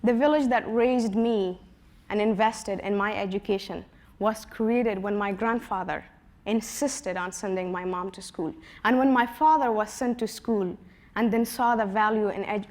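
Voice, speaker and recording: A woman in her twenties from Afghanistan gives a prepared conference talk. She speaks at a middle pitch in an earnest, storytelling way. Her voice often sinks quietly at the close of a phrase. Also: fairly even intonation, moderate pace. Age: 20s. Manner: earnest storytelling, voice drops softly at phrase ends.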